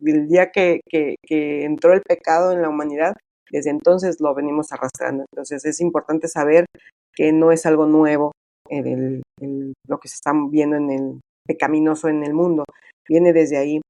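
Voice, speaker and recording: A middle-aged woman talks casually as an interview guest, full of fillers and acted-out quotes. Her voice is mellow and warm, recorded dry and close with no room sound. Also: low voice, fairly even intonation, moderate pace, no echo. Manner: chatty, many fillers, acts out quoted dialogue.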